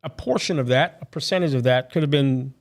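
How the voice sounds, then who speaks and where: A man's voice: medium pitch, brisk, gravelly. A man from Guyana raised in Brooklyn, a city council member talking earnestly in an interview and often tagging "right?". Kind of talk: casual interview talk.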